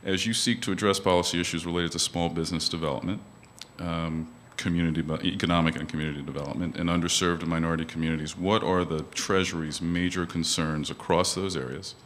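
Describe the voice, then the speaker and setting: A man's voice: low-pitched, steady tone, fast, few pauses, fairly bright tone, slight background noise. A man moderating a panel, formally reading out a guest's background and asking questions. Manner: formal, reads from notes.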